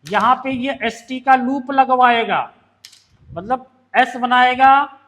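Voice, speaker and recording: High-voiced shorthand teacher. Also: male voice, takes it slowly, fairly bright tone. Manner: explains step by step, asks students questions. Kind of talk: classroom lesson.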